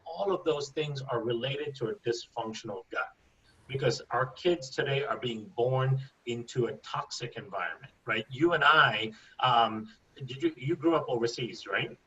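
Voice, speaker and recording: Heard through a muffled recording and a distant mic, this Indian man's mid-range voice comes across bright and forceful. Answering interview questions as a microbiologist guest, he explains at length and keeps ending lines with a rhetorical "right?"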